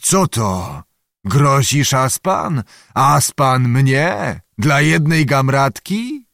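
A man voicing a drunken, quarrelsome nobleman who mocks and shouts in a storybook reading. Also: medium pitch, big pitch swings, very slow, gravelly, no room sound, studio quality, heavily acted. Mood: drunken mocking. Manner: loud, mocking, belligerent.

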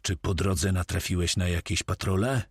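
A man's voice: low-pitched, fairly even intonation, moderate pace, breathy edge, dry recording, clean studio sound. A man voicing a grim pirate captain who gives firm commands. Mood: commanding.

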